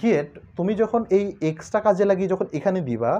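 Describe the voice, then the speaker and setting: A man's voice: high-pitched, big pitch swings, a little fast, mellow. A young man tutoring calculus online, chatty and joking, slipping English words into his talk. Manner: chatty, mixes English words, jokes with students. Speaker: math tutor. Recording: dull lo-fi sound.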